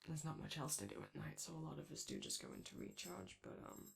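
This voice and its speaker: A woman voicing an excitable, gentle animatronic sun attendant who rambles hesitantly and chattily in an ASMR comfort roleplay. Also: rumbling low, fast talker, creaky, a little hiss or hum, exaggerated voice. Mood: soft, wistful. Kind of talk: ASMR character roleplay, improvised-sounding comfort monologue.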